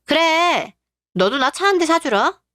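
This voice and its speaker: A woman's voice: sits high, animated, unhurried, a bit bright, dry recording, studio quality, voice pushed up. A woman voicing an outspoken, protective older sister in a radio drama, talking in a blunt, mocking way.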